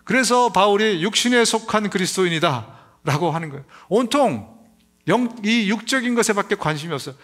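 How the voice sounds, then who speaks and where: A man's voice: sits high, lively intonation, brisk, fairly bright tone. A middle-aged male pastor preaching emphatically, who raises his voice when he acts out crying babies. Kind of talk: sermon.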